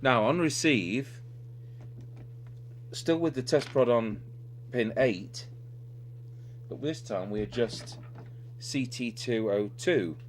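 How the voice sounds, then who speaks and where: A man with a mid-range voice takes it slowly, with long pauses, as he presents an unscripted hands-on walkthrough of electronics repair, methodically thinking aloud at the bench. Constant hum and noise make the recording clearly noisy.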